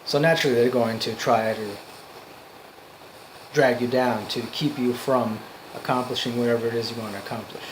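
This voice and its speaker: A man giving an off-the-cuff motivational monologue, earnest and emphatic, in halting phrases that repeat for emphasis. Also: mid-range voice, steady tone, noisy background. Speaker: amateur motivational speaker.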